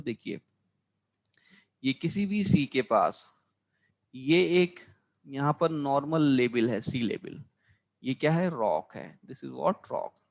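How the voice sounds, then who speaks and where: A man teaching a biology lesson for exam preparation, going over his class notes, repeating key terms and asking students if it is clear. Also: mid-range voice. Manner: addresses students as children, frequent reminders to remember.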